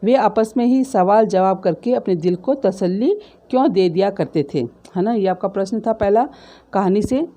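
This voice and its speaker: Mellow-voiced woman teacher retelling a story. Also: medium pitch, moderate pace. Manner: retells and re-explains each line, often adds tag questions. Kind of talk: explaining a story in a school lesson.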